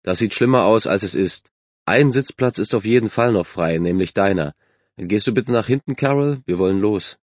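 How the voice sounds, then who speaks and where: A businesslike but friendly camp counselor from a storybook, as a man plays him, in a low, dry voice. He talks briskly and a touch loudly. The sound is dull. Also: no echo, natural voice.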